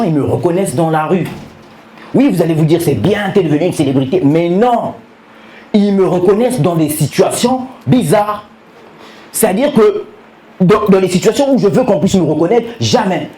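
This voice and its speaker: A man performing stand-up comedy, telling stories in an animated way and teasing the audience. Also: fairly high pitch. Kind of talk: stand-up comedy with crowd work. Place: comedy club stage. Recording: roomy club sound with live audience.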